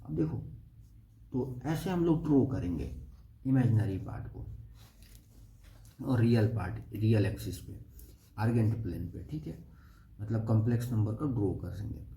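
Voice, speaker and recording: A man's voice: fairly low pitch, animated, moderate pace, pauses often, warm tone. A young man teaching a math lesson step by step, often checking "okay?" with the class. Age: young adult. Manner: explains step by step, keeps asking "okay?". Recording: echoey room with faint noise.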